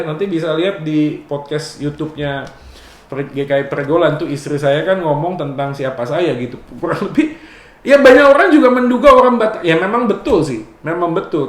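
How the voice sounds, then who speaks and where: A man giving a relaxed, conversational Bible exposition sermon, joking often and adding "ya" after his phrases. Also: high-pitched, echoey room. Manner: casual and joking, often adds "ya". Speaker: preacher.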